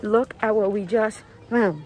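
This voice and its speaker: A woman's voice: mid-range voice, unhurried, mellow, a little hiss or hum. A young woman vlogging in casual, slangy chat, speaking through a face mask.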